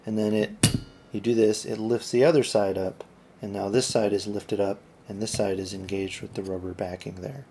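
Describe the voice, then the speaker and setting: A video host fixing electronics talks in a low, steady voice at normal speed. He offers casual, off-the-cuff repair commentary, rambling and muttering as he thinks aloud, on a noisy recording.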